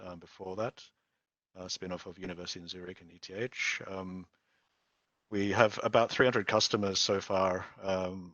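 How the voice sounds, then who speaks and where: A man with a low voice and fairly flat intonation gives an informal technical talk. He explains in a conversational way over a slightly dull online call connection. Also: no room sound. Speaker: startup chief executive, invited speaker. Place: remote video call.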